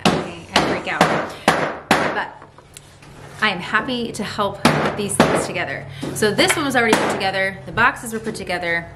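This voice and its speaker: A woman's voice: mid-range voice, moderate pace. A woman in her thirties chatting casually as she explains how to clean old beehive frames while working in a large barn. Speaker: homesteading vlogger. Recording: loud background noise.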